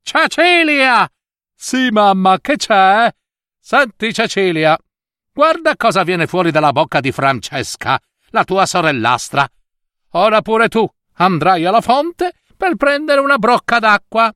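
Storybook stepmother, greedy and bossy, very high and shrill, put on by a man. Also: animated, measured pace, fairly bright tone, no room sound, studio quality. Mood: commanding. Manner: shrill and scolding, exclaiming.

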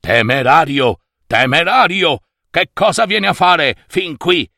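A man's voice: on the high side, animated, measured pace, pushed and bright, dry recording, pitched above the performer's own voice, heavily acted. A blustering storybook wizard with a raised, theatrical voice that slides into wailing and begging. A man puts him on while narrating. The sound is dry and close to the mic. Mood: menacing. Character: blustering wizard who turns cowardly.

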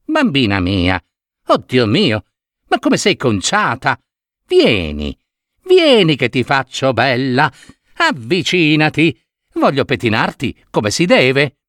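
A man's voice: huge pitch swings, slow, fairly bright tone, dry recording, studio quality, full character voice. A man voicing a sly old peddler woman in a storybook reading, calling out her wares and coaxing sweetly. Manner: shrill hawker's calls, coaxing.

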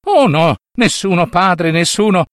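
A man voicing a timid young female nymph who answers her father in a high, breathless, pleading voice. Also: animated, measured pace, no room sound, clean studio sound.

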